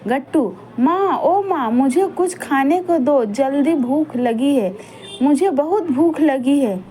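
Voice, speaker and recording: A woman's voice: high voice, slow, mellow, slight background noise. A woman voicing a spoiled, greedy young boy who whines and makes demands. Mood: demanding. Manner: whiny, demanding.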